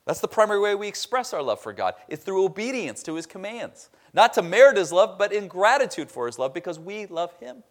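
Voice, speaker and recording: A man's voice: high voice, very animated, brisk, few pauses. Emphatic man preaching a sermon. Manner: emphatic preaching, swinging between loud stresses and quiet drops. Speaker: pastor.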